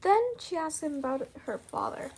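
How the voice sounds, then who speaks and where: A young woman recaps a novel in a relaxed, chatty way and drops "like" into nearly every sentence. Her voice sits a little higher than most women's. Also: normal speed. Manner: chatty retelling with many "like" fillers. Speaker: book reviewer. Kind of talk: casual book recap.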